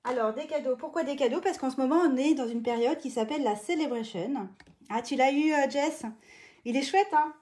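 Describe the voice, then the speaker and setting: A woman hosting a live craft tutorial, chatting casually, greeting viewers by name and filling pauses with hesitations. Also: a little high, dark tone. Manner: chatty, greets viewers by name mid-sentence, many fillers.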